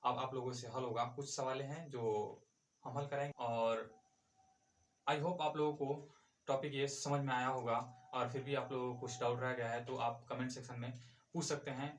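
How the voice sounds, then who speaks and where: A man's voice: medium pitch, little pitch movement, moderate pace, echoey room. A male math teacher explaining a lesson step by step, asking and answering his own questions as he goes.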